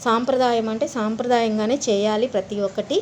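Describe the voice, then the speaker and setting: A woman's voice: on the high side, fairly even intonation, fairly quick, a little mellow, slight background noise, lightly acted. A woman voicing a strict traditional grandmother who reproaches her son. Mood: reproachful. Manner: insistent, reproachful. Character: traditional grandmother, stern and wounded.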